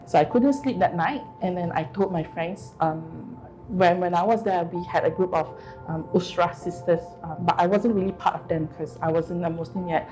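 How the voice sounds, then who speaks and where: A woman's voice: on the low side, moderate pace, mellow, faint music behind, rough recording. A woman, telling her personal story candidly and reflectively in an interview. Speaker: interview guest.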